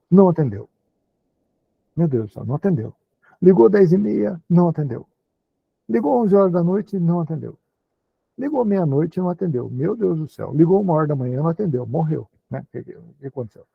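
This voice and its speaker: A man with a Brazilian Portuguese accent teaching an online class, chatty and animated, acting out dialogues as examples. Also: gravelly, slightly rough, dry recording. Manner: chatty, animated, acts out dialogues with high put-on voices. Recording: tinny phone-like call audio.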